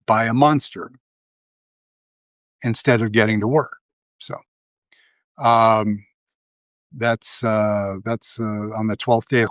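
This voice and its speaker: Slow rambling man, dry close sound. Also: mid-range voice, no room sound. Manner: rambling, many fillers and restarts. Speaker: livestream host. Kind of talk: casual political commentary.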